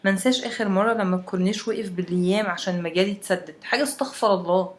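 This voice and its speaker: A woman's voice: medium pitch, rapid-fire, close to an everyday voice. A woman voicing a wry, chatty young Egyptian woman from Alexandria who tells a friend about winter.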